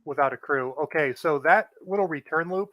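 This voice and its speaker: Male guest player, slightly higher voice, monotone explainer, dry close sound. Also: fairly quick, dry recording. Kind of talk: casual gameplay explanation.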